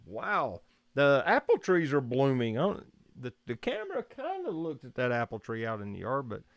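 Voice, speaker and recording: A man's voice: mid-range voice, fairly bright tone, no echo, clean studio sound. A man with a Southern US accent hosting a casual live-stream chat at home, rambling and easygoing, chuckling often. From Georgia, US. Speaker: photography livestream host. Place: room at home.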